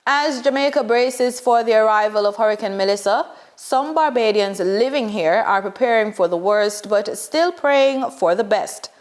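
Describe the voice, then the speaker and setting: Woman reading the news. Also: fairly high pitch. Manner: measured scripted delivery. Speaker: news anchor.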